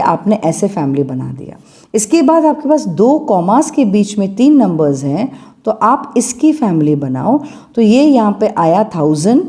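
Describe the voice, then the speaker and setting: A woman's voice: medium pitch, mellow. A woman maths teacher with an Indian English accent, explaining step by step and checking with her students. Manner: patient, checks in with questions. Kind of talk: step-by-step lesson while writing.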